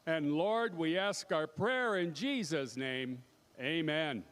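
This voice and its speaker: Male chaplain, high voice, slow and solemn public invocation, deliberate phrasing. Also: animated, a bit bright. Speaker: track chaplain. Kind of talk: public prayer.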